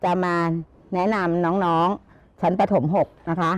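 A woman teacher explaining a lesson plan to a class in a polite, soft-spoken way. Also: fairly low pitch, little pitch movement, a little slow.

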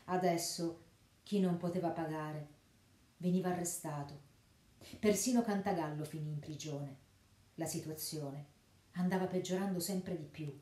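A woman narrates a fairy tale with expressive, lively storytelling. Her voice sits a little low and sounds mellow and warm. A roomy echo surrounds the reading. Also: unhurried, long pauses.

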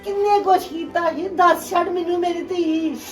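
A woman's voice: very high-pitched, steady tone, normal speed, faint music behind. An actress playing a middle-aged mother who wails and pleads with her returned daughter. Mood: weeping, pleading. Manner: wailing, pleading questions. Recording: echoey room, distant mic.

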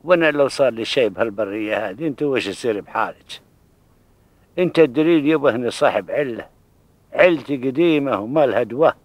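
An actor in his sixties playing a kindly old father in a television drama, with a Bedouin Arabic accent and a paternal, measured manner. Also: medium pitch, animated, no room sound, close to an everyday voice, low-quality recording. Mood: gentle, solemn. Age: 60s.

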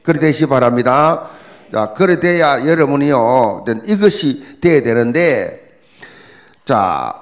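A man's voice: medium pitch, expressive, slow. A middle-aged male pastor, preaching a dawn prayer sermon, repeating key words and firing questions at the congregation. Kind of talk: early-morning prayer sermon.

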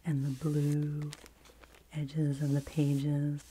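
Woman, 40s, low-pitched, soft ASMR half-whisper as in a library, unhurried, hissy close-mic recording. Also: monotone, poor audio. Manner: hushed, gentle, slow, often dropping into an unvoiced whisper. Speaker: ASMR video creator reviewing library books. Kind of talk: soft-spoken ASMR book talk in a near-whisper, like a library whisper. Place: small home room with a bookshelf. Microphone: fur-covered microphone close in front of her.

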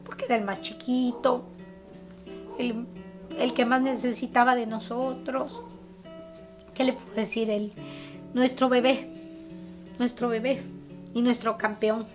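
A middle-aged woman with a Mexican Spanish accent, grieving, telling a painful story with anguish and voicing the words of others. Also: fairly high pitch. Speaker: interviewee, bereaved mother. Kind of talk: emotional personal testimony. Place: her family home. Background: soft guitar music.

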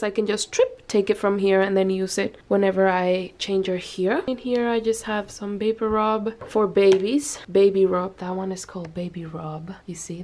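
A woman's voice: mid-range voice, darkish tone, a little hiss or hum. Young woman, casual vlogger, chatty, filler-heavy, showing things around a room. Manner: chatty, explaining items one by one with fillers. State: pregnant, briefly out of breath. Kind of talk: casual home tour vlog. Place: home nursery room.

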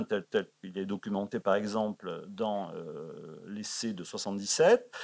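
A man presenting a scholarly paper at a conference in a library auditorium. He sprinkles his delivery with fillers like "hein" and "euh" and reads verse quotations with raised emphasis. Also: mid-range voice. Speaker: conference speaker. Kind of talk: academic conference talk.

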